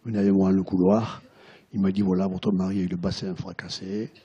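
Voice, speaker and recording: A man retelling a worried middle-aged wife's words in his own low voice, confiding and halting, often repeating himself. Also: level tone, warm tone, slightly rough, dull audio. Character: worried middle-aged wife, drinking patient.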